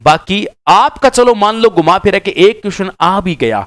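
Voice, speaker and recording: A man's voice: sits high, lively intonation, normal speed, a bit bright. A man teaching exam-prep students, lecturing straight to them emphatically and repeating key words for stress. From Rajasthan. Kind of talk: direct-to-camera lecture.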